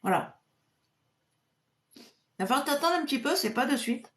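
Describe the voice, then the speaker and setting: A woman clairvoyant reading out viewers' questions on a live stream and answering them with a pendulum. She is cheerful and chatty, and drops to a low murmur when she calls on her guardian angels. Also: lively intonation, normal speed, a bit bright.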